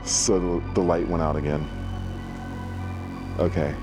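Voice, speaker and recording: A low-pitched man speaks as the host of a night ghost-hunting vlog. He talks casually to the camera and leaves deliberate pauses, with music playing behind him. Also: fairly even intonation. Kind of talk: night investigation vlog, talking to camera and calling out to spirits.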